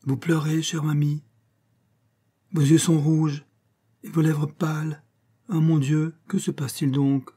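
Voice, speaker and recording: Un homme jouant une marquise bavarde et affectueuse. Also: male voice, a little high, little pitch movement, a little slow, pauses often, warm tone, husky, voice pushed up. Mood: effusive. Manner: effusive, chattering, fond. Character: lively young noblewoman, a fussing marquise.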